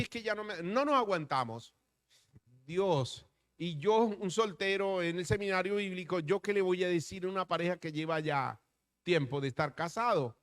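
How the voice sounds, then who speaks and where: A middle-aged pastor preaches a sermon, his voice sitting high for a man. He throws rhetorical questions at the congregation and slips into telling stories from his own life. He shifts between slow, stressed phrases and quick asides.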